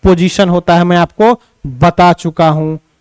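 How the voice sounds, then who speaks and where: A man teaching an online English grammar lesson, repeating points, asking and answering his own questions, and reading example sentences slowly with stress. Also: high-pitched, steady tone, a little mellow, clean tone, dry recording. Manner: repetitive, drilling, asks and answers own questions.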